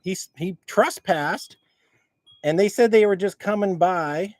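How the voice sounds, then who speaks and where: A man walking around outdoors on his property, casually showing things off to a handheld camera in a halting, rambling way that keeps repeating words. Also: high voice, dry recording, low-quality recording. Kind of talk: casual rambling show-and-tell. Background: faint wind noise.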